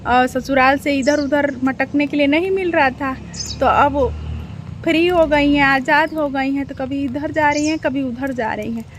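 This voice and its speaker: A woman's voice: sits high, steady tone, normal speed, slight background noise. A woman reaction vlogger, chatting casually to her viewers, full of rhetorical questions and repeated phrases.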